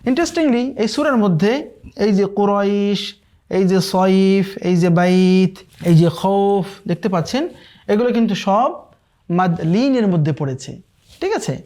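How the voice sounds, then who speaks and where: A man teaching a tajweed lesson, explaining quickly and often checking in with his listeners. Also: high voice, animated, darkish tone. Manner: explains quickly, then recites verses slowly and drawn out. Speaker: Quran recitation teacher.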